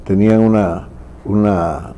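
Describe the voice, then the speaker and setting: A man hosting a political TV interview, speaking in a reflective, measured way. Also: on the low side, fairly even intonation, highs cut off. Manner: reflective, measured, asks long questions.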